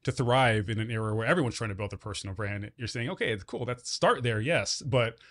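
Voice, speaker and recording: A man hosting an interview podcast, speaking close to a broadcast mic at his home studio desk. His voice sits at an ordinary middle pitch. He talks in a measured, reflective way as he sums up his guest's ideas. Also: a bit bright. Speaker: podcast host. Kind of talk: conversational interview. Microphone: studio podcast mic on boom arm, headphones.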